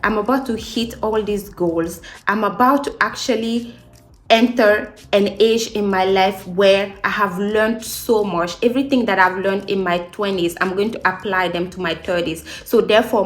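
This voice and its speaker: In her late twenties, this Guinean beauty vlogger has a mid-range, slightly bright voice. Her casual get-ready-with-me chat is upbeat and emphatic, with phrases repeated to encourage her viewers.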